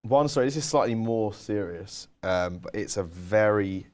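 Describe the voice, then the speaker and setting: A man's voice: lowish voice, animated, moderate pace, a little mellow. A young man, co-hosting a podcast and telling rambling stories full of "like" and "um". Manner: rambling, filler-heavy storytelling with lots of "like" and "um". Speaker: podcast co-host. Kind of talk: casual storytelling chat.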